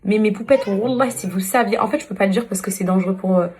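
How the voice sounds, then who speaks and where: A woman's voice: medium pitch, fast, a little mellow, breathy edge. A woman talking casually to her followers in a vlog, venting in a repetitive, exasperated way and walking through a beauty routine. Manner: exasperated, venting, repeats herself; chatty beauty tutorial. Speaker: social media influencer.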